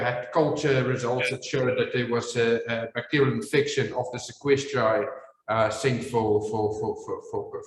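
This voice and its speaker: A man with a broad Afrikaner South African accent delivers an informal medical lecture. He speaks haltingly, circling back over words as he explains. His voice rings in an echoey space with a long reverb tail. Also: mid-range voice. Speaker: presenter, maxillofacial team member.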